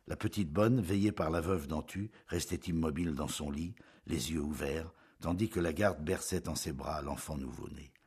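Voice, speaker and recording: A man narrating a classic novel as an audiobook in a measured, expressive storytelling manner. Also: very deep voice, husky.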